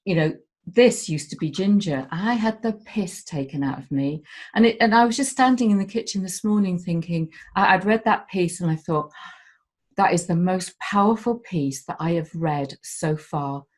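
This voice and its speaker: Woman, kinda low voice, heartfelt and emotional, swears a bit, just talking openly. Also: moderate pace. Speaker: guest. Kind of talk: candid conversation.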